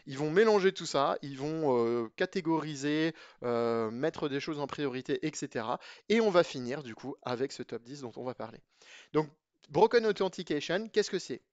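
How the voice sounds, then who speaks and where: A young man talks through a technical topic in a loose, chatty way, often restarting and filling pauses. His voice sits a bit high for a man. It is recorded close and dry, with no room sound. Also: dry recording, dull audio. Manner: conversational, many fillers and restarts. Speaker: cybersecurity explainer. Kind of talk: casual educational explainer.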